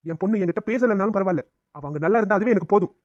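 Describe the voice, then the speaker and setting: A man voicing a stern but loving middle-aged father in a cartoon family drama, firm and quick-spoken. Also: high-pitched, dull audio, natural voice. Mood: angry. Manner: firm, rapid, angry when pushed. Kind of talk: cartoon dubbing.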